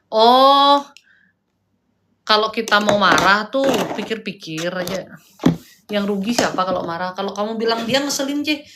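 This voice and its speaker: A woman's voice: medium pitch, a bit bright. A woman hosting a live stream, chatting casually and rambling, scolding and lecturing her viewers. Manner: chatty, rambling and scolding, jumps between topics. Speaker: live-stream host giving spiritual consultations.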